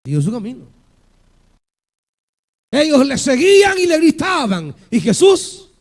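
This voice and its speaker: A male pastor preaching a sermon with passion, asking the congregation rhetorical questions and building to shouted peaks. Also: very high-pitched, huge pitch swings, unhurried.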